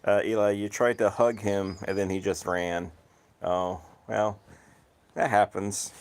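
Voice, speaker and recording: A man hosting a casual livestream with his cats, chatting easily and reading out viewers' comments in a self-described monotone voice. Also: fairly low pitch, a little slow. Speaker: livestream host. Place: home, cats outdoors.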